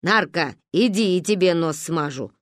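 A woman's voice: lowish voice, lively intonation, measured pace, dry recording, studio quality. A woman voicing a stern elderly grandmother who grumbles and lectures.

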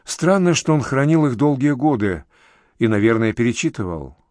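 A man's voice: mid-range voice, expressive, normal speed, a little mellow, no room sound, clean studio sound, natural voice. A man doing a grieving older uncle. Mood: wistful.

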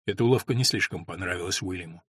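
A man reading a novel aloud as an audiobook narrator, in a measured storytelling manner. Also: sits low, a bit bright, breathy edge, dry recording, clean studio sound. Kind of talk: scripted narration.

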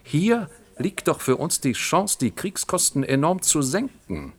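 Voicing a scheming middle-aged general in a German sci-fi radio play, a man sounds smug and calculating, speaking oratorically and condescendingly. His pitch is fairly high, his delivery very animated and a little slow.

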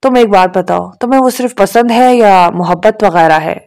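An unbothered young man who teases his sister dryly and shrugs off serious news, read by a woman narrator. He talks at a mid pitch in an offhand storybook tone. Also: a little mellow, close to an everyday voice. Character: young man, casual and teasing brother. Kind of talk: audiobook dialogue reading.

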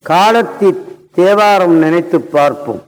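A man's voice: high voice, expressive, measured pace. A man in his seventies giving a music lecture-demonstration, telling stories and constantly putting rhetorical questions to his audience. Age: 70s. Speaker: Carnatic singer and lecturer. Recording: long hall reverb.

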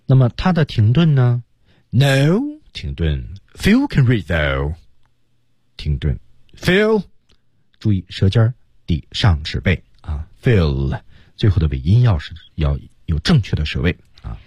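A male radio teacher in a studio gives a bilingual English lesson in a low, husky voice. His pitch swings widely, and he leaps sharply upward when he demonstrates English phrases. The sound is dry and close. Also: huge pitch swings, unhurried, a little mellow, dry recording, muffled recording. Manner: breaks into English phrases with big exaggerated pitch jumps to demonstrate them.

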